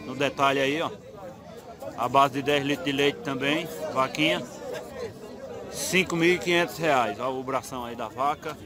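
A man from Northeast Brazil, with a mid-range voice and fairly even intonation, films his relaxed stroll through an outdoor cattle market, talking with sellers and echoing their prices for the camera. He speaks at normal speed and pauses often, with crowd noise and music in the background.

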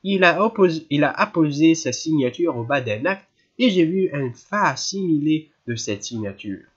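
A man voicing a gentle, serious young prince in an audiobook, explaining politely and earnestly. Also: a little high, expressive, moderate pace, husky, muffled recording. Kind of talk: audiobook character reading.

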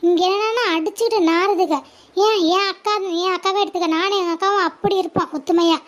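A scolding mother in a home drama, played by a woman, her voice sitting very high. She nags her daughters in a sharp, constant stream. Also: steady tone, quick pace. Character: scolding middle-aged mother of two girls. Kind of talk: family drama role-play.

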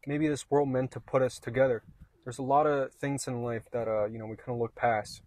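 A man's voice: mid-range voice, fairly quick, no room sound. Young man chatting casually, rambling. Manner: relaxed, rambling, says "like" and "man" a lot. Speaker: co-host. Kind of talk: casual chat.

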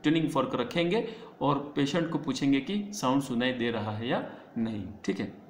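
A man giving a nursing class lecture in Hindi, switching into slow, halting English lines and checking in with his students. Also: medium pitch, animated. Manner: explains in Hindi mixed with English, halting English lines, keeps asking "okay?". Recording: echoey room, faint noise.

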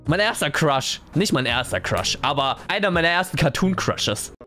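A young man streaming a game, chatting casually, swearing loudly and mixing in English slang. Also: fairly high pitch, sing-song, moderate pace. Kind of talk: casual gaming commentary. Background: music.

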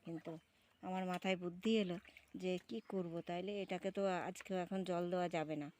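A woman's voice: fairly low pitch, level tone, fairly quick, a little mellow. A woman chatting fondly about her birds while filming in her yard on a phone, often urging viewers to look. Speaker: vlogger. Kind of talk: casual home vlog commentary.

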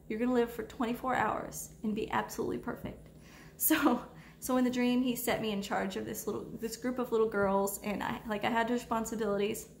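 Soft-spoken young woman, echoey room. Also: fairly high pitch, creaky. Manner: soft-spoken, hesitant, many fillers. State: tearful at times. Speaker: vlogger sharing testimony. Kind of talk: personal faith testimony. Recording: echoey room with faint ambient noise.

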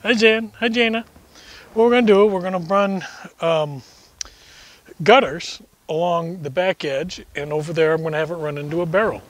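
A man's voice: high-pitched, moderate pace. A middle-aged man chatting casually outdoors, explaining each step of a barn job as he works, with a joke now and then. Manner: chatty, explains each step while working, self-deprecating jokes. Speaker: homesteading vlogger. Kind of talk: casual how-to narration. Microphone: camera mic from a distance.

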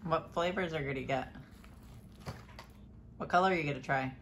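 Low-pitched woman chatting behind the camera. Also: normal speed, fairly bright tone, a little hiss or hum. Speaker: off-camera helper filming and asking questions. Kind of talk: casual chat. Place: small room at home, indoors.

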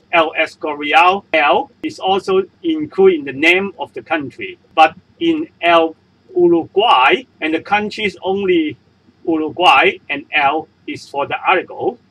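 A man with a Hong Kong accent, whose first language is Cantonese, talks through a beginner's language lesson at an unhurried, deliberate pace. His voice sits a little high and has a husky edge. He repeats each example and its translation patiently, as a voice-over for on-screen slides. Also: a bit bright, poor audio. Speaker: Spanish language teacher. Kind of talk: slow explanatory lesson narration. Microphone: voice-over for screen-recorded slides.

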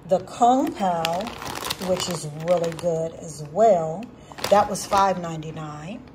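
Slow, chatty woman with a low voice. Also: noisy background. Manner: unhurried, chatty, restarts and corrects herself. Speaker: vlogger showing a grocery haul. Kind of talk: casual chat. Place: home, at a dining table.

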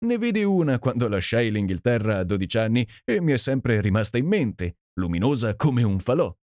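A man reading an audiobook and voicing a boisterous, jovial Canadian gentleman with a hearty, exclamatory manner. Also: medium pitch, big pitch swings, brisk, dry recording, natural voice. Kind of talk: audiobook character voice. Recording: dry close sound.

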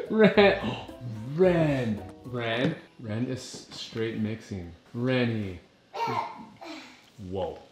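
A man's voice: medium pitch, animated, extremely slow, pauses often, over loud music. A man in his thirties hosting a casual family vlog at home, playful and teasing with his kids. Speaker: family vlogger. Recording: echoey room with background noise.

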